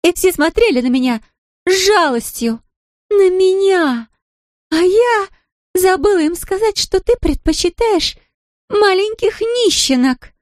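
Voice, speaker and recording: A woman's voice: expressive, unhurried, no room sound, studio quality. A woman reading an audiobook, voicing a drunk, jealous glamorous woman who slurs and shrieks. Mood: drunken shrill. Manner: slurred, shrill, screaming.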